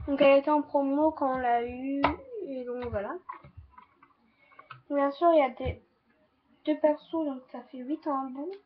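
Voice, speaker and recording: A woman's voice: high voice, narrow, tinny audio. A teenage girl casually reviewing her makeup, chatty and repetitive, filling her talk with little stock phrases. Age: teens. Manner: chatty, repeats "donc voilà" and "trop, trop bien". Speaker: beauty vlogger. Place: bedroom with a fan running.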